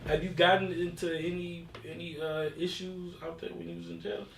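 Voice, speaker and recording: A man hosting a casual podcast interview, asking questions in a laid-back, slangy way and agreeing often with quick yeahs. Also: a little high, level tone, vocal fry, far from the mic. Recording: roomy sound, voice set back from the mic.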